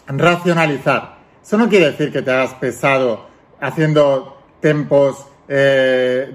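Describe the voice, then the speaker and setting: A man with a somewhat high-pitched voice delivers a motivational self-help lesson. He talks straight to the listener and acts out short examples as he goes. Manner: direct, addresses the viewer as tú, demonstrates voices.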